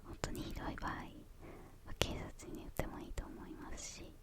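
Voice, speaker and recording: Hushed whispering young woman, ASMR style. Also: normal speed. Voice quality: hushed, breathy unvoiced whisper. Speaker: ASMR creator answering viewer questions.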